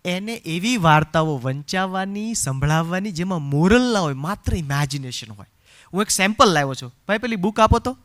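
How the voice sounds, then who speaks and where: A middle-aged man leads a parenting seminar, his voice high and bright. He tells his points as stories, acts out what people say, and drops English phrases in along the way. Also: fairly quick. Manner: animated storyteller who acts out quotes and chants rhymes. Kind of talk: live parenting seminar talk.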